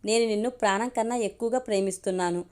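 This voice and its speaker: A woman's voice: medium pitch, fast talker, darkish tone, lightly acted. A woman reading the lines of a lovesick young man in an audio story, earnest and pleading. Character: young man in love, hesitant then eager.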